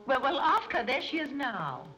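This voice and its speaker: A woman's voice: high-pitched, very animated, normal speed. An actress playing a scatterbrained middle-aged society mother in 1930s screwball comedy banter, rambling and dithering. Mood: dithering chatter. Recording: old 1930s film soundtrack, music behind.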